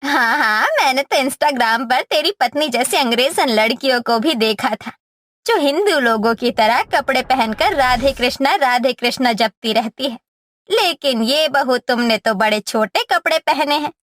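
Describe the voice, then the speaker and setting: A woman voicing a sharp-tongued middle-aged mother-in-law in a cartoon story, hurling mocking insults. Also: high-pitched, expressive, a little slow. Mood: fussing.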